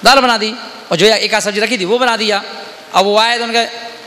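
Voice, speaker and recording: A Jain monk giving a lively sermon. His high, bright voice rings through a large hall with a long reverb. He talks in repetitive, questioning phrases and acts out everyday scenes. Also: normal speed. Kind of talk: Hindi sermon. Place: dharmshala hall.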